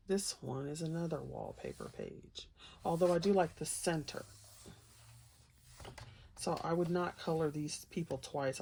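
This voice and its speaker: Paging through a colouring book for viewers, this woman talks casually and off the cuff, meandering in a homey, playful manner. Her low voice is creaky with a dark tone, and a little hiss or hum can be heard.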